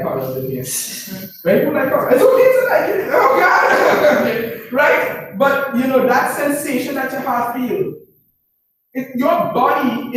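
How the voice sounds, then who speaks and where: A man giving a motivational talk to a live group at an information session. He often checks in with the room by asking 'right?' and repeats phrases for emphasis. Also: very high-pitched. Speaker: presenter at a business information session. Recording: very echoey room, far from the mic, faint noise.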